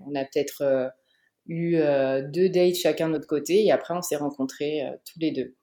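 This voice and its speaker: A woman from the Paris region in her thirties, telling her family story as a podcast guest, with frequent pauses and fillers. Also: sits low, steady tone, warm tone, roomy sound. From Paris region, France. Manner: hesitant, many "euh" fillers and restarts. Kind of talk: podcast interview, personal testimony.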